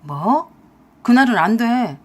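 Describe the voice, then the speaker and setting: A woman's voice: fairly high pitch, very animated, takes it slowly, slightly rough, heavily acted. A woman voicing a lazy, scheming husband who wheedles and defends himself in a radio-drama story reading. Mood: stubborn.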